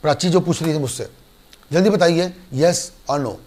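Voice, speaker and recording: A man's voice: a little high, normal speed, darkish tone. A man with an Indian accent teaching an online law class, who acts out little dialogues between himself and his students. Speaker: law lecturer.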